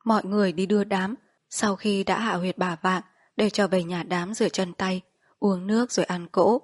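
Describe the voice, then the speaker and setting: A woman narrating a novel as an audiobook, reading in a steady, even storytelling way. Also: medium pitch, moderate pace.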